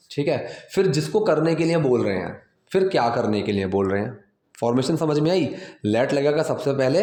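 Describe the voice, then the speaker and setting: A man's voice: medium pitch, darkish tone, echoey room. A man teaching English grammar in Hindi, patiently breaking each sentence into steps and repeating key phrases.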